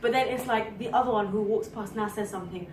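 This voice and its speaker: A woman's voice: mid-range voice, fast talker, a crowd in the background. A young woman vlogger telling a story in casual chat, dramatically acting out her own thoughts and reactions. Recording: echoey room, far from mic, clear background hiss.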